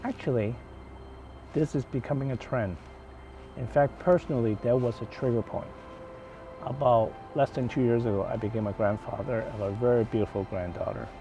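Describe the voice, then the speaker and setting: An older man from Hong Kong, a financial advisor giving an interview in the woods, thoughtful and halting, often restarting his phrases. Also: mid-range voice, warm tone. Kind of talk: outdoor interview chat. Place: outdoors in the woods. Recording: dull lo-fi outdoor audio, faint noise.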